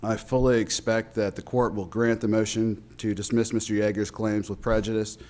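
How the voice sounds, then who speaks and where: A man with a voice affected by illness, giving a measured, formal legal briefing as an attorney at a public meeting. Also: on the low side, level tone, a little mellow. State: under the weather, voice affected by illness. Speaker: county's attorney briefing officials.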